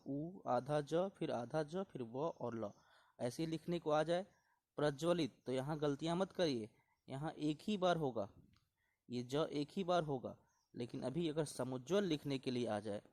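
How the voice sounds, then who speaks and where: In a medium-pitched, darkish voice, a male teacher runs an exam-prep lesson on correct Hindi spelling. He moves through the words individually, repeating them slowly and telling students to stay attentive and careful.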